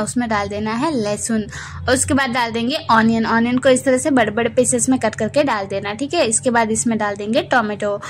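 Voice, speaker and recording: A woman's voice: fairly high pitch, slight background noise. A woman hosting her cooking channel, talking through a recipe step by step in a chatty way, often checking in with "theek hai guys.". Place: home kitchen.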